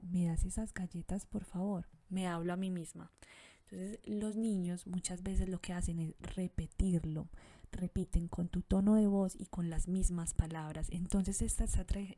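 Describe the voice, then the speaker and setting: A woman hosting a podcast, giving parenting advice in a calm, reflective way, often pausing with soft fillers. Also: on the low side. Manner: calm, reflective, gentle, with frequent pauses and fillers. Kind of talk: conversational advice monologue.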